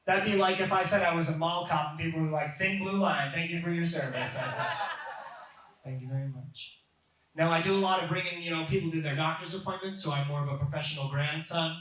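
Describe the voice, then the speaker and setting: A man's voice: a little high, a little fast, distant mic, background noise. Man doing stand-up in an echoey club. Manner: deadpan, self-mocking jokes. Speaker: stand-up comedian. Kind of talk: stand-up comedy set. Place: comedy club stage, audience laughing. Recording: echoey club, mic heard from afar.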